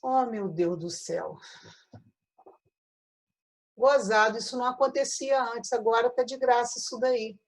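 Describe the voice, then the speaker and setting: Her voice is a little high, her pace measured, with long pauses as she teaches math online. This Brazilian woman, speaking with a Brazilian Portuguese accent, explains step by step and checks in with tag questions, her video-call audio breaking up into choppy, robotic glitches.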